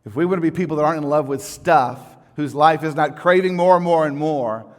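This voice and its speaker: Folksy pastor preaching in a reverberant church. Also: male voice, fairly high pitch, a little fast. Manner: conversational, folksy storytelling with sudden loud emphatic peaks. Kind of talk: sermon. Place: church sanctuary. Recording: church sanctuary with long reverb.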